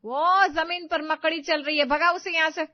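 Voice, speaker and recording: Casting: woman doing a stern, bossy cartoon mother-in-law with a high, scolding voice, dull and dry. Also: lively intonation, moderate pace, no room sound, natural voice. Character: stern scheming middle-aged mother-in-law. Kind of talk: animated storybook voice acting.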